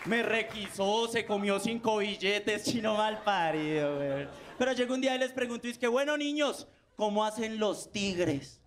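High-voiced Colombian comic on stage. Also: male voice, moderate pace. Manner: slangy storytelling with acted-out voices. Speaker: stand-up comedian. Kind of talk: live stand-up set. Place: comedy stage with a live audience. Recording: live stage recording with crowd laughter and noise.

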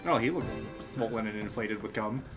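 A man's voice: lowish voice, moderate pace, over loud music. A man providing casual commentary alongside a streamer, riffing wryly on absurd ideas. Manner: wry, riffing on absurd bits. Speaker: co-host commentator.

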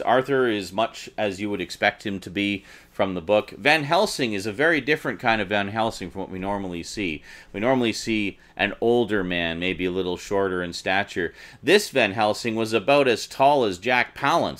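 A man with a fairly low voice talks through a film review. His delivery is casual and enthusiastic. He keeps it loose and chatty, with plenty of fillers. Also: fairly bright tone. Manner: enthusiastic, conversational, with many filler words.

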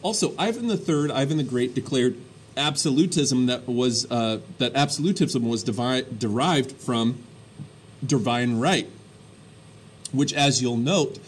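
A male history teacher giving a recorded lecture in a conversational way, often pausing with ums and uhs. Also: medium pitch, a little hiss or hum.

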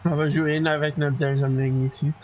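A man with a Québécois French accent talks over his game in a fairly high voice, excitable and quick to yelp in French. The sound is dull and lo-fi. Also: a little hiss or hum. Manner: excitable, mixes French and English exclamations. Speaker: gamer. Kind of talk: casual gameplay commentary.

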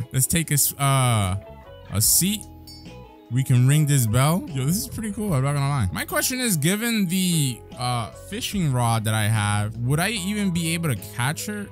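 A young man chatting his way through a game, his pitch jumping around as he talks and laughs. Light music sits faintly behind his voice. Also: a little mellow. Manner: chatty, laughs often, says bro. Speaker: gaming creator. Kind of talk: casual gameplay commentary.

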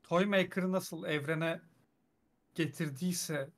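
A man's voice: fairly high pitch, fairly even intonation, slow. A man in a casual group chat, hesitant and thinking aloud. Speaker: guest.

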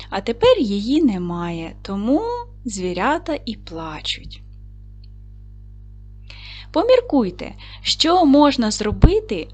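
A woman teaching a recorded primary school lesson, patiently asking questions and slowly spelling out sounds and syllables. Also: on the high side. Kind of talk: recorded video lesson for children.

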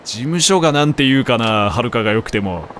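A man voicing a gentle, easygoing male comedian in a put-on Kansai dialect. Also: medium pitch, animated, fairly quick, a little hiss or hum, close to an everyday voice. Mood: hopeful.

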